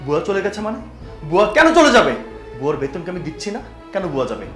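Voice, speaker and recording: An actor playing a devoted young husband who speaks earnestly and indignantly. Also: male voice, high-pitched, animated, very fast, a little mellow, faint music behind. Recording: roomy echo.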